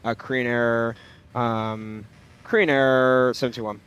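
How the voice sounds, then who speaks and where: A man's voice: mid-range voice, little pitch movement, measured pace, a bit bright, dull audio, a little hiss or hum. Man making pilot radio calls. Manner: hesitant, with many fillers. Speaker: streamer playing a flight simulator.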